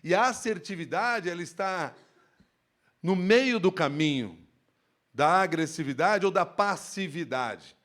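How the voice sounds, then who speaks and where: Man lecturing on stage, handheld mic, lively varied intonation, slightly high voice. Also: measured pace. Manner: animated, expressive, shifts tone to demonstrate. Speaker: speaker at a workplace safety event. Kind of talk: live motivational lecture. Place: event stage. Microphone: handheld microphone.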